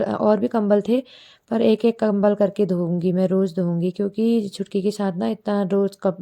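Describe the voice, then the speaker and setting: A woman's voice: medium pitch, gravelly, mellow. Chatty young woman vlogging from home. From Uttarakhand, India. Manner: chatty, repeats "matlab" often. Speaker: village vlogger and mother. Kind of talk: casual vlog narration. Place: home courtyard outdoors.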